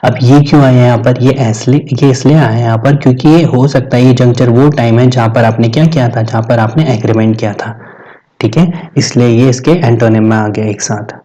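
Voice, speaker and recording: A man's voice: medium pitch, a little fast, warm tone, poor audio. An Indian man whose first language is Hindi teaches an exam-prep vocabulary lesson, repeating words and checking in with his students constantly. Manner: repeats and quizzes, frequent "theek hai" check-ins.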